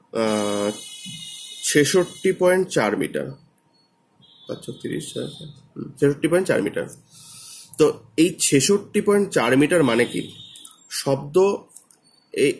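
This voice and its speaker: A man teaching a physics lesson, patiently walking his students through each step and repeating the numbers slowly. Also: mid-range voice, darkish tone, slightly rough.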